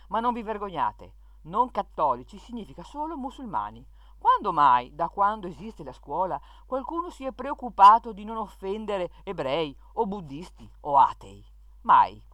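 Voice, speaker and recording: An indignant speaker reads an opinion column aloud, throwing in sarcastic rhetorical questions. The pitch swings widely as the lines land. The recording is dry and close, with no room sound. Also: fairly bright tone, no room sound. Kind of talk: scripted reading of an opinion piece.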